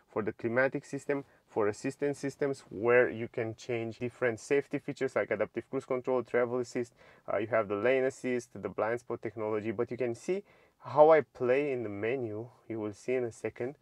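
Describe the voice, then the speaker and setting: A man's voice: lowish voice, no echo. Eager man showing off a car screen. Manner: eager, doubles his praise words, many "uh" fillers. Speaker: car reviewer. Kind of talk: casual product walkthrough. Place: inside a car in a bright showroom.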